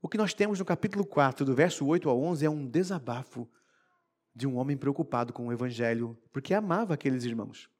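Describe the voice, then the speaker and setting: A male preacher giving an expressive sermon, moving between hushed and emphatic delivery. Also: mid-range voice, fast talker.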